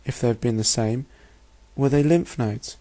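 A man's voice: medium pitch, moderate pace, warm tone. Methodical male medical lecturer. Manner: clear, methodical, instructional, posing rhetorical questions. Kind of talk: narrated lecture over slides.

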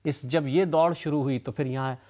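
A man, hosting a TV talk show and opening it with a measured, reflective studio monologue. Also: mid-range voice, steady tone, darkish tone. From Karachi, Pakistan. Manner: measured, reflective storytelling with rhetorical lists. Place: TV studio with city backdrop, indoors.

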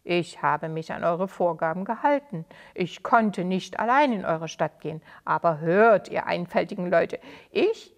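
A woman reading aloud does a wicked old sorcerer from a kids' storybook, an old man who is loud and triumphant and gloats at the crowd, sneering and sure of his own power. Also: high-pitched, expressive, measured pace, gravelly, full character voice. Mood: gloating.

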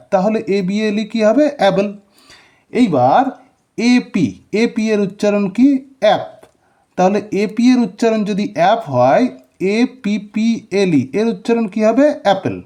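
High, mellow-voiced teacher. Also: male voice. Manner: asks a question, then answers it himself. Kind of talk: classroom-style phonics lesson.

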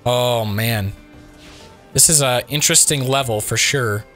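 A man hosting a casual gameplay commentary while sick, his voice still not fully recovered, reacting excitably with frequent exclamations. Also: mid-range voice, unhurried, faint music behind. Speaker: let's play host.

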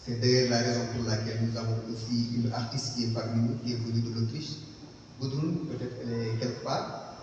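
A man giving a formal thank-you speech at an exhibition opening, halting with many fillers and restarts. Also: mid-range voice, flat delivery. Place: large hall at an art gallery. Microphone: far camera. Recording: echoey hall from far off, dull, noisy.

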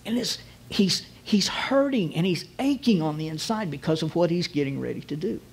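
A man preaching as a guest rabbi, retelling a scene vividly and slowing down to stress key phrases. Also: on the high side, animated, gravelly, slightly rough. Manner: vivid retelling, drops to slow emphatic phrases. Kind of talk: storytelling sermon.

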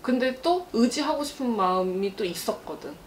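A woman's voice: a little high, animated, normal speed, distant mic. A woman fortune teller giving a reading, talking bluntly and mixing casual and polite speech as she relays what the spirits tell her. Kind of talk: fortune-telling consultation. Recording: echoey room with faint noise.

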